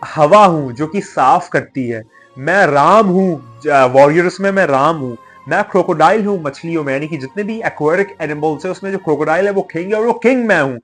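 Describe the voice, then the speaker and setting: A young man with a slightly high-pitched voice, walking through a scripture passage by passage. He rephrases every line in plainer words and drops English terms in among his own. Soft music plays faintly underneath. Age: young adult. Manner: restates each point in simpler words, mixes in English terms. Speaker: religious video presenter. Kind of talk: explanatory talk on a scripture. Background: faint background music.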